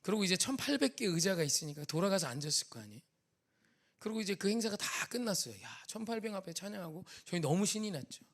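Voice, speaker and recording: A man preaching a sermon as a pastor, telling stories with emotional swings from loud to whispered. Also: sits high, big pitch swings, quick pace. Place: church sanctuary.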